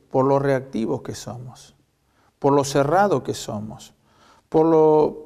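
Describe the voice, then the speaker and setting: A man with an Argentine accent preaching a sermon, telling a story reflectively with many pauses. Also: medium pitch, a little mellow. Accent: Argentine Spanish. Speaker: pastor.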